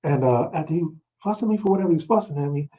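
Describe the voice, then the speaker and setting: Animated and rapid-fire, a middle-aged man with a fairly high, dark voice leads a scripture read-along. He teaches in a conversational, colloquial way, dropping in personal anecdotes and rhetorical questions to check in with listeners.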